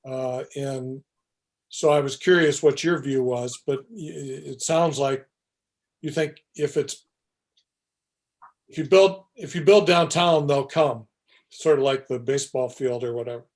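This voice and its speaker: A male commissioner works through his question slowly at a public meeting, thinking aloud. He hesitates with frequent uhs and restarts, at an ordinary middle pitch. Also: a little mellow. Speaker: planning commissioner.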